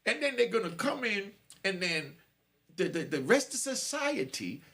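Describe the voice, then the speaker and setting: A former prisoner in his fifties speaks straight to camera in a monologue, preaching warnings to young listeners. His voice is high and sing-song, a bit bright, at a normal speed.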